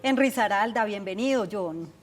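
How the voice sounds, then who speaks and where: A woman's voice: mid-range voice, lively intonation. Colombian woman hosting a call-in show. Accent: Colombian Spanish. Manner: brisk, steers callers to the question. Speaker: TV show host. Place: TV studio.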